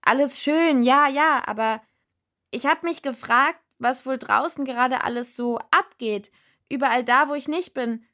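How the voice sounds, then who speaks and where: Young woman yelling to be heard, high and strained, voiced by the female narrator. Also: slow. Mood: shouting. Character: young woman shouting to be heard on a dance floor.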